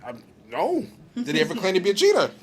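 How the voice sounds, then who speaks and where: A man's voice: high voice, wildly swooping pitch, fast, darkish tone. Goofy joking man podcast co-host. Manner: goofy, joking, laughs at own jokes. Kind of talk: casual podcast banter.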